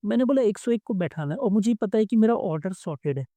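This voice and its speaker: A man's voice: high voice, expressive, quick pace, dark tone, no room sound. A man teaching a coding problem in a casual, chatty way, talking to viewers as friends and acting out small back-and-forth dialogues. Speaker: coding tutorial instructor. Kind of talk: casual explanatory lesson.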